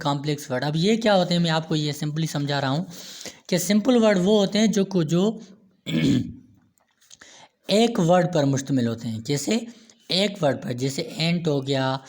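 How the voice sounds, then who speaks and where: A man with a fairly high voice giving a slow grammar lecture. He explains each point step by step and often asks a question, then answers it himself. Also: a little mellow. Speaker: teacher.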